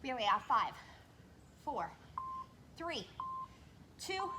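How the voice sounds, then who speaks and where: A woman leading a workout while exercising along, somewhat breathless, giving short form cues and steady encouragement. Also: on the high side, normal speed, noisy background. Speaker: fitness instructor leading a workout. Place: indoors on carpet.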